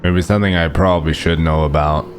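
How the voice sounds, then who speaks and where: A man with a rough morning voice giving halting, unsure commentary while he plays a game. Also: rumbling low, steady tone, soft background music. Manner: halting, unsure, lots of fillers. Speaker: gamer.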